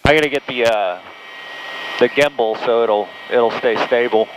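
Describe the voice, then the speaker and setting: A man's voice: mid-range voice, normal speed. A man riding along in a helicopter, chatting casually on a headset. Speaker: passenger filming the flight. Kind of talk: casual chat. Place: helicopter cockpit in flight. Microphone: headset intercom cable feed. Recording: headset audio, loud helicopter noise.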